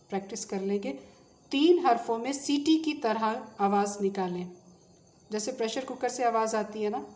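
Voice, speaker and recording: A woman with a Pakistani Urdu accent teaching a tajweed lesson, patiently drilling letter sounds and repeating them slowly. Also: medium pitch, dark tone. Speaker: Quran recitation teacher.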